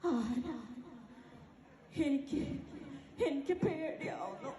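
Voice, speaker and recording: A woman's voice: sits high, animated, slow pace, warm tone, echoey room, a little hiss or hum. Woman playing a frail abandoned old mother. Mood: pleading. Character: frail abandoned elderly mother, frightened and pleading.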